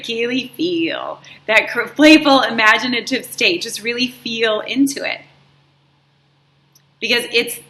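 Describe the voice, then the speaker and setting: A woman hosting a motivational talk for her viewers, her voice bright and forward. She speaks encouragingly and lingers on the words she wants to stress. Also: mid-range voice. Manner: warm, encouraging, drawn-out emphasis on words. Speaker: life coach and show host. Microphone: live stream setup.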